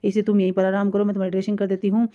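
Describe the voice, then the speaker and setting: A bossy, caring young woman scolds in quick, brisk commands, as a woman narrating a serial reads her part. The delivery stays flat and fast, with a mellow, warm tone. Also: medium pitch, muffled recording, natural voice.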